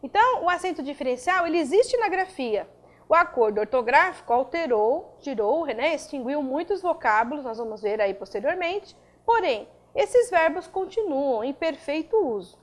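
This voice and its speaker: A woman's voice: sits high, very animated, moderate pace. A woman teaching a recorded grammar lesson, spelling out rules and checking in with listeners as she goes. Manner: didactic, checks in with frequent tags.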